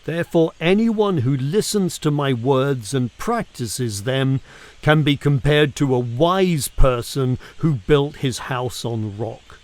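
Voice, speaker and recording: Reading scripture aloud, a man speaks at a medium pitch with a somewhat dark tone. He paces it deliberately and in a measured way, leaning on pauses and emphasis for drama.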